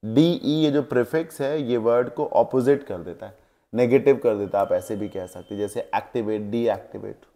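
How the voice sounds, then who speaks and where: Here a male teacher speaks at medium pitch and normal speed, his tone warm. His classroom lesson covers English word meanings, explained with Hindi glosses, and he keeps checking that students follow.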